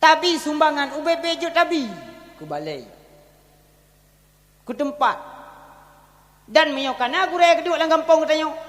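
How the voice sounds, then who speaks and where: A man with an Acehnese accent preaching a sermon at a religious gathering, swinging from loud raised phrases to low dropped ones. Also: animated, normal speed, pauses often. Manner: rises loud on one phrase, drops low on the next. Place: large hall at a religious gathering. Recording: long hall reverb.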